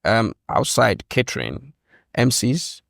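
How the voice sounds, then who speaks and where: Male caterer guest, gravelly and emphatic, repeats himself, dry close sound. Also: mid-range voice, very animated, takes it slowly, fairly bright tone, dry recording. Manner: emphatic, repeats phrases for stress. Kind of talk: casual interview chat.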